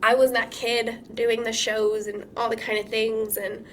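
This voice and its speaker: Hoarse woman coaching on a live masterclass. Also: fairly high pitch, a little slow, slight background noise. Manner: casual, swearing, animated rhetorical questions. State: hoarse from being sick. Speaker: trauma healing coach.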